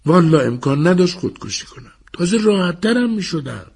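A man voicing a mocking, bitter middle-aged neighbor woman in an audiobook, in a high scornful put-on voice. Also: big pitch swings, a little mellow, husky, full character voice. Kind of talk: audiobook character voice.

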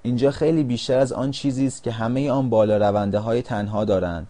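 A man voicing a gentle yellow caterpillar in a storybook, speaking softly and pleadingly. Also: mid-range voice, steady tone, natural voice. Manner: soft, pleading.

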